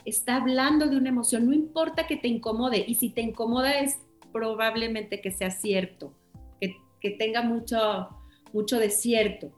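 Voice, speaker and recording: A woman's voice: fairly high pitch, steady tone, moderate pace. A woman speaking as a parenting coach in a casual conversation, earnest and advice-giving, acting out the lines she quotes. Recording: echoey room with faint music.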